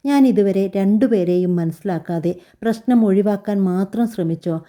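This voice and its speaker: A worried young husband in a spoken family story, read by a woman. He reasons calmly with both sides. The voice is very dark and mellow. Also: medium pitch, moderate pace, natural voice. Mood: reasoning. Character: young husband, worried, caught between wife and mother.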